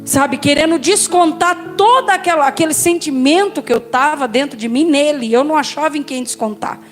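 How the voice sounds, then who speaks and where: A Brazilian woman pastor giving a personal testimony, telling her story in a lively way and addressing the listeners as brothers and sisters. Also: sits high, normal speed, soft background music. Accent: Brazilian Portuguese.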